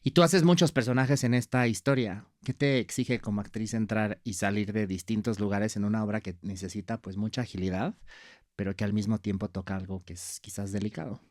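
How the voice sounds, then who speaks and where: A man hosting an interview, asking measured and thoughtful questions. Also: lowish voice, a little mellow, dry recording, studio quality. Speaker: podcast host.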